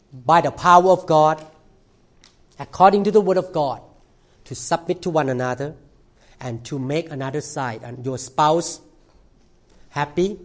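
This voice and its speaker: A middle-aged male pastor who is a non-native English speaker with simplified grammar, preaching a sermon with emphatic, repeated short phrases. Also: on the high side. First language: not English. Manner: emphatic short exhortations, repeats phrases, asks congregation for amens.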